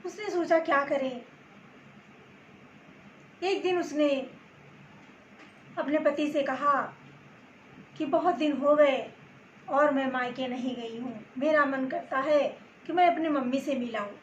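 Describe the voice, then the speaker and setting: A woman telling a story to her channel's viewers in gentle, halting phrases, with roomy echo and faint background noise. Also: high voice, highs cut off. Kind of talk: storytelling narration.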